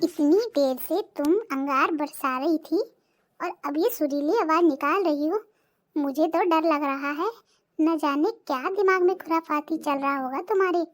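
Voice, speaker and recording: Someone doing a squeaky high cartoon hubby, older guy, teasing and whiny, henpecked. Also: moderate pace, natural voice. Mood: complaining. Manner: mocking, wheedling, complaining. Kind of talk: cartoon voice acting.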